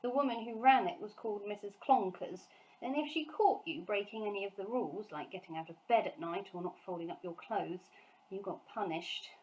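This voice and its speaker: A woman's voice: medium pitch, normal speed, darkish tone, natural voice, poor audio. A woman voicing a small orphan girl in a storybook, earnest, anxious and full of plaintive questions.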